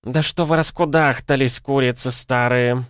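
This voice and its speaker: A man's voice: mid-range voice, fairly even intonation, normal speed, fairly bright tone, smooth, dry recording, studio quality, pitched above the performer's own voice, lightly acted. A man voicing a blunt, somewhat younger old woman who speaks brusquely and dismissively. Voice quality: not quavering.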